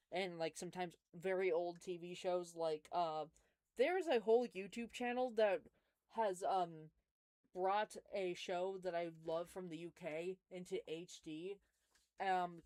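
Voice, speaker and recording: Young woman rambling thru chat on stream, smooth clear voice, dry close sound. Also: on the low side, a little mellow, dry recording. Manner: rambling, chatty, with many fillers and restarts. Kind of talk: casual live stream chat.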